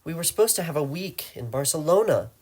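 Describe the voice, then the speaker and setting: A man voicing a distraught woman tourist, speaking high and agitated. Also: animated, fairly quick, darkish tone, breathy edge. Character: distraught American woman tourist, middle-aged, frantic.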